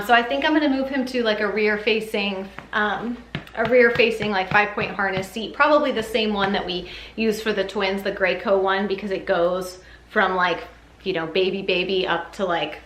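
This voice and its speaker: A parenting vlogger gives a baby update to camera, chatting informally and saying "like" a lot. Her medium-pitched voice is bright and forceful, recorded in an echoey room with faint background noise.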